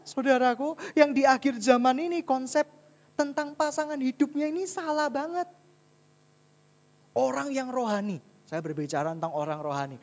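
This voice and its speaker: A man's voice: very high-pitched, long reverb tail. A married man preaching a humorous sermon, poking fun at himself and constantly calling the audience his brothers and sisters. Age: adult, married. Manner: keeps addressing listeners as "saudaraku"; playful, jokes about himself.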